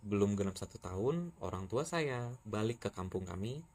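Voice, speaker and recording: A TikTok creator from West Sumatra, Indonesia, hits back at a critic, scolding and challenging him firmly in a heated monologue. He is animated and moderately paced, with a lowish, slightly mellow voice.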